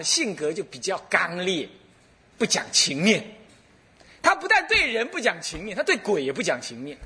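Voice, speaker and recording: A middle-aged man with a Taiwanese Mandarin accent, a Buddhist abbot giving a dharma talk full of stories, laughing and acting out the dialogue. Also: fairly high pitch. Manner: animated storyteller who laughs and acts out dialogue.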